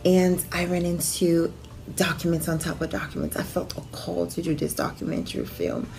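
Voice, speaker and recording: A middle-aged woman from Haiti tells her life story, relaxed and loose, with fillers and restarts. Her voice sits low and warm, with a gravelly edge. A faint hiss of noise runs under the recording. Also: moderate pace. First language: Haitian Creole or French. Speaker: producer and actress telling her life story. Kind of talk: personal bio monologue.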